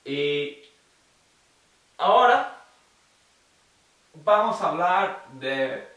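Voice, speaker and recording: Slow, bright-voiced man teaching in an echoey room. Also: on the high side, expressive. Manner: explains slowly, repeating example phrases. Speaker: English teacher. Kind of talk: online language lesson. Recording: roomy echo, mic at a distance.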